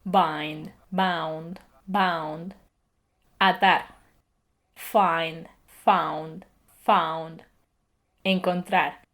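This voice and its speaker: A woman reading a language lesson aloud as scripted audiobook narration, slowly and deliberately going through lists of words. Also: deep voice, fairly even intonation, fairly bright tone. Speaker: language teacher.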